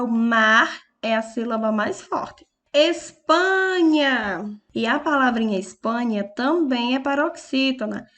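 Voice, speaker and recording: A woman with a Brazilian Portuguese accent, teaching a recorded lesson for young children, slowly stressing each word to show its strong syllable. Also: on the high side, fairly bright tone. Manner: slow, careful, stresses words syllable by syllable. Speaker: primary school teacher.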